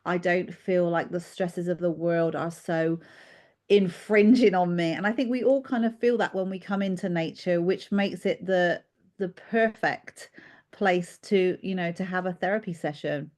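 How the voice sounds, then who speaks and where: A British-born children's therapist, appearing as a guest on a podcast interview, tells her story warmly and reflectively with many "um"s. Her voice is fairly low and she speaks unhurriedly.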